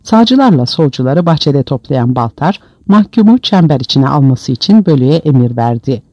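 Mellow, lively male storyteller. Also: medium pitch, normal speed, dry recording. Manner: dramatic storytelling. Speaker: narrator. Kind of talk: audiobook narration. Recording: dull, dry lo-fi recording.

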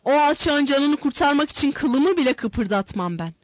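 A harsh, bitter Danish man barking curt words , as a woman narrator puts him on. The voice stays fairly high and lively, spoken close and dry. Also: normal speed, no room sound. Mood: scornful. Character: harsh bitter male Danish gold seeker.

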